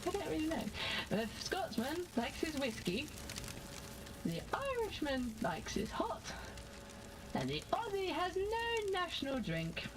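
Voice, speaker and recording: A woman's voice: high-pitched, sing-song, a little slow, noisy background. A woman voicing a tipsy woman who gives rambling drinking toasts and drifts into sentimental, mumbled asides. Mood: maudlin.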